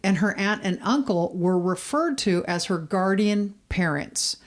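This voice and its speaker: With a mid-range voice, she talks unhurriedly but with plenty of animation. As one of the hosts of a true-crime podcast, she spins her tales casually and conversationally, sprinkling in lots of fillers.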